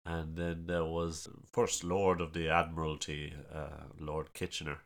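Deep-voiced lilting Irish storyteller man from Kerry. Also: little pitch movement, unhurried. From County Kerry, Ireland. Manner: lilting, musical way of speaking. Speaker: storyteller, podcast guest. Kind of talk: casual chat, storytelling.

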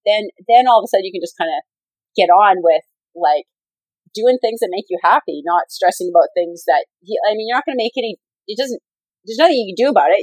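A woman's voice: mid-range voice, darkish tone, dry recording, low-quality recording. A woman in her forties, a professional athlete and coach, talking casually in an interview, rambling with many fillers and restarts. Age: 40s.

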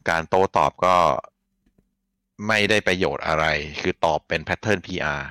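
A man's voice: low-pitched, a little slow, pushed and bright, dry recording, clean studio sound. A man co-hosting a podcast, chatting casually and rambling through his opinions. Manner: rambling, opinionated, laughs often. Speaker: podcast co-host. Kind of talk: casual chat.

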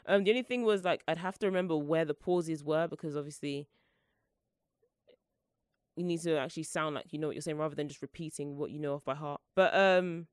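Speaking fairly quickly in a deep, smooth voice, a young woman chats through her solo podcast while stuffed up from the flu. Her talk wanders and is playful and self-mocking. It's a dry, studio-quality recording.

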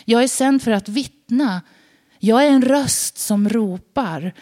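A woman's voice: fairly high pitch, darkish tone, natural voice. A woman voicing a devoted male desert prophet who declares his calling firmly. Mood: resolute. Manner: firm, declaring.

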